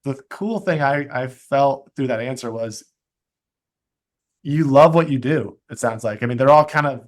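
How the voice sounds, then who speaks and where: A man's voice: medium pitch, normal speed. Casual upbeat man hosting a podcast. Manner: casual, upbeat, many "like" and "um" fillers. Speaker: podcast host. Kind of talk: podcast interview.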